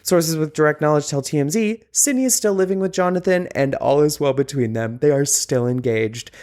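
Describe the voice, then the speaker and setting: A man's voice: fairly high pitch, a little fast, darkish tone. A man hosting a podcast in a casual, joking way, laughing often. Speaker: podcast host.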